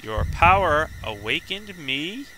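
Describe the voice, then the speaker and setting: A man voicing a cold, eerie reawakened human spirit in a slow, hushed, ominous delivery. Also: a little high, very animated, a little hiss or hum, voice pushed up, heavily acted, rough recording.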